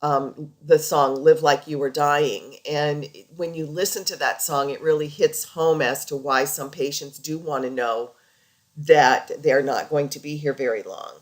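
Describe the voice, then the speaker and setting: Low-pitched woman giving an informal lecture. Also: steady tone, measured pace. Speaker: lecturer, healthcare practitioner. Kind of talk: slide lecture narration, informal.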